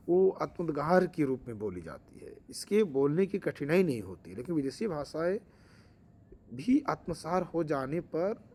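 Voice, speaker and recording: A man's voice: fairly high pitch, dark tone, husky. A man teaching a language lecture for exam preparation, explaining with fillers and restarts.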